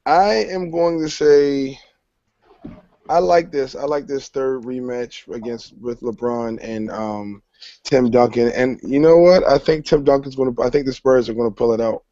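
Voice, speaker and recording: A man's voice: medium pitch, steady tone, normal speed, mellow, dry recording. Laid-back man arguing sports picks. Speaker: co-host. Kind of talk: casual sports talk. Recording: dull lo-fi recording.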